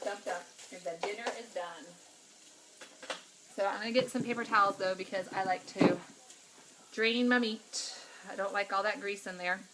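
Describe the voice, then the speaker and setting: A woman's voice: mid-range voice, very noisy. A middle-aged woman hosting a live cooking video at home, chatting with viewers and greeting them by name as she cooks. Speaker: cooking vlog host. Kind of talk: casual live-stream cooking chat.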